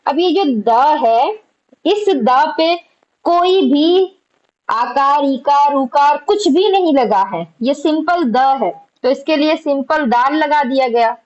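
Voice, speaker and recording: High-voiced woman teaching an Urdu class. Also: lively intonation, takes it slowly, lo-fi sound. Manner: patient explaining, quizzing students with questions. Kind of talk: online class lesson.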